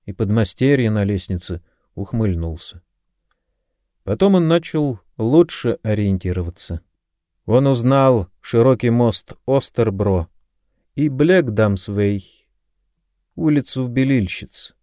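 A man reading an audiobook in calm, measured scripted narration. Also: mid-range voice, no room sound, clean studio sound.

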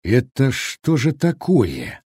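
A man voicing a stern male Cossack brigade leader who speaks slowly and menacingly. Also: medium pitch, big pitch swings, dark tone, husky, no echo, studio quality. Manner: menacing, slow and growling.

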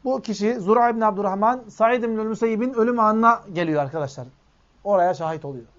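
A man's voice: high-pitched, fast, a bit bright. Male preacher in a dull lo-fi recording. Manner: addresses listeners as friends, recites Arabic then explains. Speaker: Islamic preacher. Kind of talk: sermon lesson with Arabic quotes.

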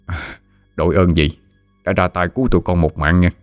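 A man's voice: low voice, fairly even intonation, brisk, no echo, faint music behind, close to an everyday voice. A man voicing an easygoing older honey hunter, who speaks politely and in a folksy way. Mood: grateful.

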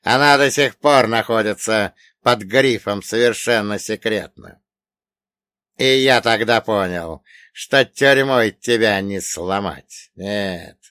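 A man plays a sneering middle-aged oligarch in an audiobook. The voice is cold, contemptuous and louder than the narration around it, with sharp barked words. The recording is dry and close. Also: mid-range voice, no echo. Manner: scornful, barking.

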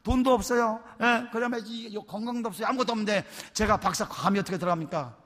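A man, a pastor, telling stories in a lively, chatty sermon in a church. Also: sits high, fast. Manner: animated, chatty, laughs while telling. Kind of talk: sermon storytelling. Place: church sanctuary. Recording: long church hall reverb.

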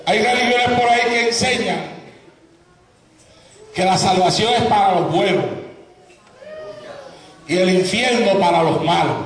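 A pastor delivers an impassioned sermon, his voice rising to shouts. He sounds high for a man, and the recording catches him from a distance. A big hall reverb washes over every word. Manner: impassioned preaching, often shouting. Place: large church hall. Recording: echoey hall, voice from far off.

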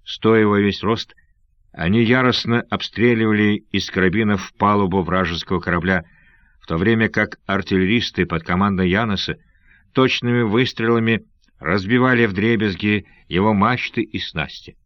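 A man reading an adventure novel aloud as an audiobook narrator, in a steady, measured way, recorded dry and a little dull. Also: lowish voice, no room sound.

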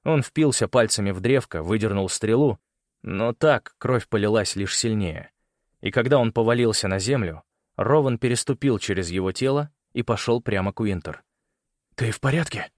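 A man narrating an audiobook in a measured, dramatic storytelling manner. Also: on the low side, no echo, studio quality. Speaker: audiobook reader.

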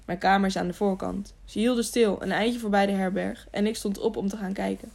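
A woman's voice: medium pitch, steady tone, fairly quick, vocal fry, a little mellow. A woman reading a sneaky young male servant with a whiny, yelping voice. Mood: evasive.

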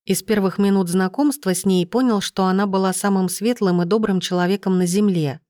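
A woman reading a novel aloud as narrator, in a steady, even storytelling manner. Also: medium pitch, brisk, dry recording, clean studio sound. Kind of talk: audiobook narration.

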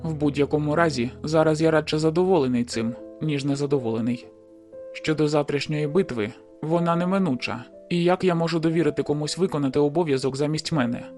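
A man voicing a young male werewolf in an audiobook, speaking in a low-key, reluctant, matter-of-fact way. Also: fast talker, a little mellow, faint music behind, close to an everyday voice. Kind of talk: audiobook character voice.

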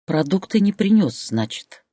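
A narrator voicing a sharp-tongued fed-up wife. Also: mid-range voice, sing-song, moderate pace, dry recording, clean studio sound. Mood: cutting. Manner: mocking, biting retorts. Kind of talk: audiobook character voice.

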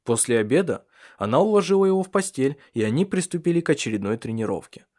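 A man narrating a literary audiobook in measured storytelling. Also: medium pitch, expressive, darkish tone.

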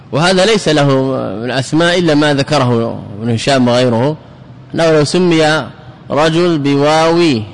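A man gives a grammar lesson, working through each point slowly and repeating words for emphasis. His voice sits a little high for a man and carries a long reverb from the lecture hall. He pauses to ask the listeners questions. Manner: explains step by step, repeats key words, asks the class questions. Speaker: teacher of Arabic grammar.

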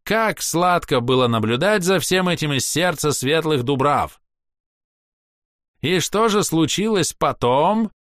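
A haughty elf with a ringing voice, pitched well above the reader's own and declaiming every phrase, as a male narrator puts him on. He is grandiose, capricious and full of spite. The reading is dry and close. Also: expressive, unhurried, fairly bright tone, no room sound. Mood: indignant. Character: proud theatrical elf man, spiteful and vengeful.

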